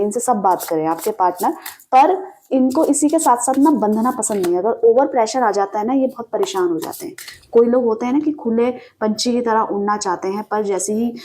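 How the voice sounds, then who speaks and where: A woman with a mellow voice on the high side reads tarot straight to the camera. Talking to the listener at length, she asks rhetorical questions and leans on lots of fillers.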